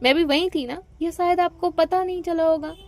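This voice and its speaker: A woman's voice: very high-pitched, steady tone, moderate pace, voice pushed up. A woman voicing a fiery, jealous young woman who fires off angry, sarcastic retorts in an audio love story.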